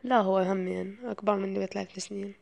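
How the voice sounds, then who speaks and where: A man's voice: high voice, fairly even intonation, fast, gravelly, a little mellow. A coy young wife with an Iraqi accent, as a man fakes a woman's voice. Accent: Iraqi Arabic. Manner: teasing, coy, chatty. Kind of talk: prank phone call.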